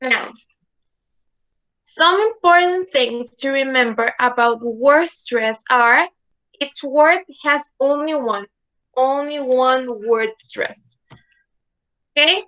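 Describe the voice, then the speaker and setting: Slow careful woman teaching english online, high voice, repeats herself a lot. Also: sharp tone, rough recording. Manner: patient, repeats words and asks "okay?" often. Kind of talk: online class lesson.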